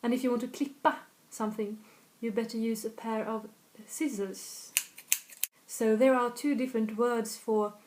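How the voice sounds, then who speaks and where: A woman with a higher-pitched voice chats casually as a language tutor in a video lesson, repeating example phrases, with a little hiss or hum on the recording. She's Swedish, from north of Stockholm, and her accent leans slightly northern.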